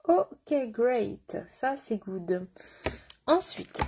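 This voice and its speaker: A woman's voice: fairly high pitch, very animated, drawn-out words, creaky, noisy background. A woman makeup artist giving a live makeup tutorial, chatty and slangy, greeting her viewers with pet names. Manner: slangy, enthusiastic.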